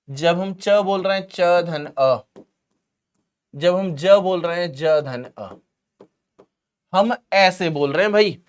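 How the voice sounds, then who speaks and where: High-voiced man teaching grammar emphatically. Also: smooth. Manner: emphatic and repetitive, often addressing students as friends. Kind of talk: classroom lecture.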